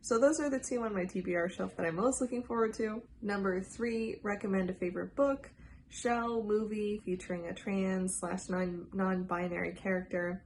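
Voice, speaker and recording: In a rough recording with a little hiss or hum, a woman speaks at normal speed in a medium-pitched, slightly mellow voice with fairly even intonation. She's doing a casual book tag video, chatty, enthusiastic and filler-heavy, and sounds congested and under the weather from a cold.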